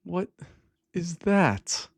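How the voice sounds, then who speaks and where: A man's voice: high voice, very animated, drawn-out words, gravelly, breathy edge, no echo. A man hosting a gameplay video, thinking aloud in casual commentary, wry and easily exasperated. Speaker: gaming host.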